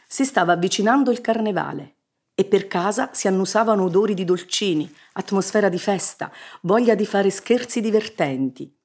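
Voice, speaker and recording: A woman narrating a children's story in an expressive, measured reading. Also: mid-range voice. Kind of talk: scripted narration.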